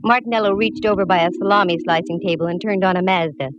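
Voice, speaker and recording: In a dull-sounding old radio broadcast from the 1940s, a woman acts the part of a hardboiled lady detective who narrates and trades dry quips. Her voice sits at medium pitch and is close to everyday speech, with a noisy background behind it.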